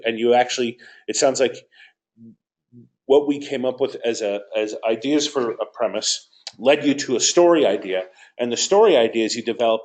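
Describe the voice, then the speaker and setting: A man's voice: medium pitch, a little mellow. A man, a course director, answering student questions and giving notes in a conversational teaching session, repeating key points for emphasis.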